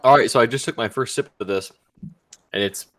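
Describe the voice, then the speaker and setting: A man's voice: mid-range voice, a little fast, a bit bright. A man in a casual livestream chat, laid-back and agreeable, describing tastes.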